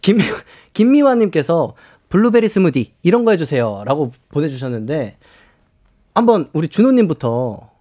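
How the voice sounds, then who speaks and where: Male radio host, high voice, very animated pitch, casual chat, reads listener messages. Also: moderate pace. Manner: lively, laughs often, reads listener messages.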